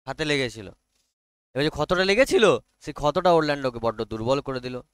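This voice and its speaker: A man's voice: medium pitch, expressive, a bit bright, clean tone, no room sound. A man with a Bengali accent teaching an online class, explaining a story in chatty Bengali laced with English and Hindi, often checking in with his students. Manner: reads English text aloud very slowly.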